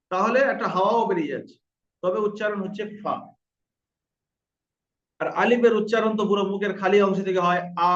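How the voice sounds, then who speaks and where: A man teaching Quran pronunciation, patiently repeating each sound slowly to demonstrate it. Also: high-pitched, fairly bright tone. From India. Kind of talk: online lesson on pronunciation. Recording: roomy, distant, dull lo-fi sound.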